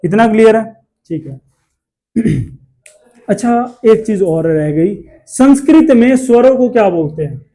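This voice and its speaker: A man's voice: high voice, animated, unhurried, pauses often, mellow. A man teaching a class, asking questions and repeating the answers himself. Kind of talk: classroom lesson.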